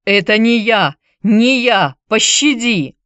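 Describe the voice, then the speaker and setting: A woman's voice: lowish voice, measured pace, no room sound, studio quality, lightly acted. A woman voicing a cringing old male Greek trickster who whines, fawns and begs for mercy. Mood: pleading. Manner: whining, pleading, fawning.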